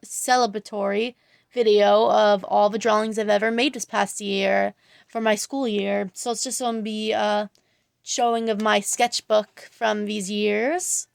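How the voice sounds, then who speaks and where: A woman's voice: fairly high pitch, creaky, smooth, dry recording, clean studio sound. A woman talking casually over her drawing video, rambling and hesitant, full of fillers and self-corrections. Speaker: art channel creator, student.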